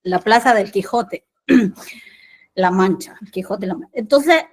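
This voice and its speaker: A woman's voice: mid-range voice, slow pace. An Argentine woman preaching a sermon, telling a personal story and acting out the dialogue with animation. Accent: Argentine Spanish.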